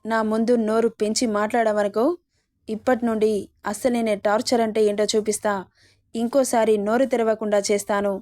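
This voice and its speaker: A woman's voice: fairly high pitch, flat delivery, normal speed, a little mellow, natural voice. A woman voicing an arrogant, cruel young husband who taunts and threatens his wife. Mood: menacing.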